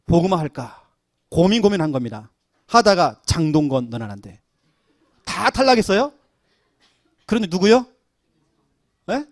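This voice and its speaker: A middle-aged man, a pastor, preaching a sermon and telling stories with lively acted-out quotes. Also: high-pitched, no echo, studio quality. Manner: animated storytelling, acting out quoted voices.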